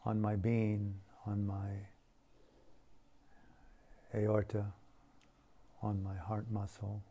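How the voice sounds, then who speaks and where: A man leads a guided meditation in a low, mellow, hushed voice. He speaks very slowly and deliberately in short phrases with long pauses, and his delivery is completely flat.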